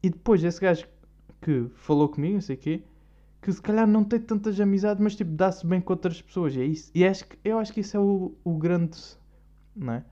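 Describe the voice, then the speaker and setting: A young man with a European Portuguese accent hosts a podcast, rambling through a casual, slang-heavy monologue. His voice is high and warm, and he talks a little fast. The recording is dull and lo-fi.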